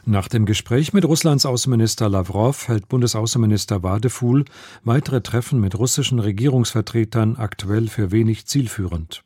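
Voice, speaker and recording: Male newsreader, formal and measured, low mellow voice, dry studio sound. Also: slightly rough, no room sound. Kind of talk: scripted radio news reading. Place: radio studio.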